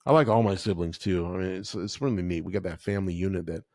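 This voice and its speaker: Gravelly slangy man in his forties. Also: sits low, quick pace, dry recording, studio quality. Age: 40s. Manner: slangy, laughs often, animated storyteller. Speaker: podcast guest. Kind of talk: casual storytelling chat.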